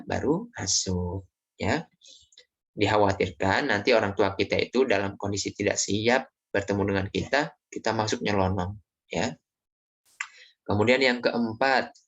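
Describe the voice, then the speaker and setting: A low-pitched man teaches a lesson to young children. He explains patiently and gently, often checking in with a soft "ya" and now and then acting out what a child might say. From Indonesia. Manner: acts out children's lines in a raised voice.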